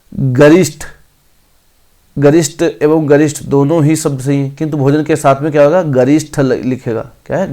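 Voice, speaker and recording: A man teaching an exam-prep grammar lesson. He reads each option aloud slowly, then corrects it. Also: on the high side, warm tone.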